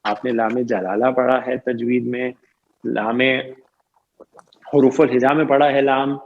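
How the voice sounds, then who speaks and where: A man's voice: mid-range voice, little pitch movement, dull audio. A man teaching Arabic grammar in an online lecture. He stretches out key terms and keeps quizzing his students. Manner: repeats "ٹھیک ہے جی" and "صحیح ہے جی" often.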